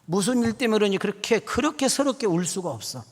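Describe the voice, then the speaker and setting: A man preaches a sermon in a church, swinging between folksy storytelling and rising, emphatic calls. His voice sits high for a man. A long reverb from the hall trails his words. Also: very animated, fast talker. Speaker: pastor. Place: church sanctuary.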